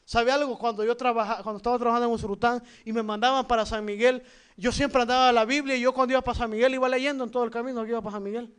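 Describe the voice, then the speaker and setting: A Salvadoran man preaching in a strikingly high voice. He fires questions at the congregation one after another, swinging from soft asides to loud emphasis. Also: rapid-fire, clear, resonant tone. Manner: lively, shifts between loud and soft. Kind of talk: sermon.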